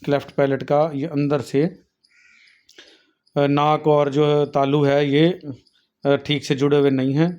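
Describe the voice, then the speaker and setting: A man's voice: a little high, monotone, measured pace, long pauses, darkish tone, smooth, dull audio. A man giving a patient classroom lecture on anatomy, talking students through diagrams, often calling them "beta", with frequent fillers and self-corrections. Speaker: nursing and health teacher.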